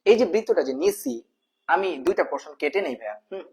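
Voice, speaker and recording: A man's voice: high-pitched, very animated, fast talker, a little mellow. A man teaching a math lesson in a casual spoken way, repeating each term and asking the viewer questions, addressing them as brother. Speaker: math tutor.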